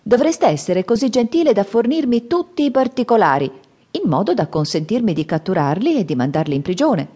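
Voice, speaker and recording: A woman's voice: mid-range voice, sing-song, fairly quick, dark tone, husky, pitched above the performer's own voice. A woman voicing a cheeky, shape-shifting male monkey king who talks in a cocky, teasing way. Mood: polite.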